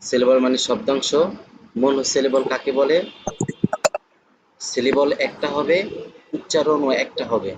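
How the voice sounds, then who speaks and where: Man teaching slowly with repetition. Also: medium pitch, fairly even intonation, noisy background. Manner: slow, repetitive explaining. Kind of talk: classroom lesson to students.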